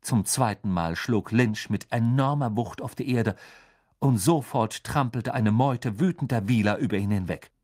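A man narrating an audiobook in a lively, expressive reading style. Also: medium pitch, moderate pace. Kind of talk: scripted narration.

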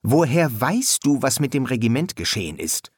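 A male audiobook reader voicing a sharp, determined young woman soldier in a raised voice. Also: medium pitch, sing-song, moderate pace, breathy edge, dry recording, clean studio sound. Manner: sharp and direct. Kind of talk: audiobook character voice.

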